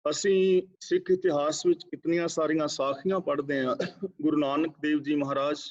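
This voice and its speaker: A man giving a scripture exposition class, chanting verses slowly and explaining them in a measured way. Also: on the high side, fairly even intonation, a little mellow. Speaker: Sikh scripture teacher. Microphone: video call. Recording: dull lo-fi online class audio.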